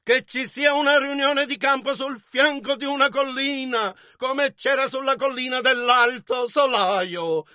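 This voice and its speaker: A man interpreting a sermon line by line, echoing the preacher's fervor with shouts in places. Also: extremely high pitch, fairly even intonation, a little slow, few pauses.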